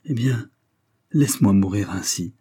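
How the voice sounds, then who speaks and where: Man voicing a dying young soldier, mournful, dark breathy voice, dry recording. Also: lowish voice, expressive, a little slow, dry recording. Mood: tender.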